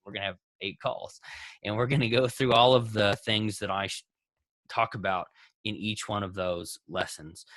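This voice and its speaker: Texan male entrepreneur guest, low-ish voice, dry close sound, rambling, upbeat. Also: fairly bright tone, no echo, poor audio. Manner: rambling, enthusiastic, lots of restarts. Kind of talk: casual interview over video call.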